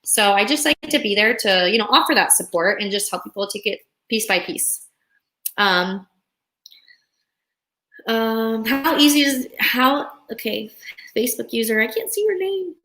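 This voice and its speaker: A woman's voice: on the high side, lively intonation, a little slow, bright, forceful tone. A young woman, born in Russia, chatting upbeat with viewers on a live stream as a relocation consultant. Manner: upbeat, chatty, reads viewer comments aloud.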